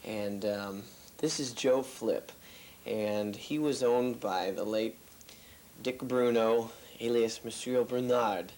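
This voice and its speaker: A man guiding through a museum, telling stories in a relaxed way with many fillers. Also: medium pitch, slow. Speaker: museum guide.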